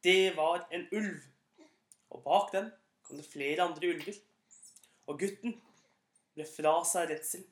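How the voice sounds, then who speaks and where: A woman reading a children's fable aloud in an unhurried, gently expressive storytelling manner. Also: low-pitched. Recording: echoey room.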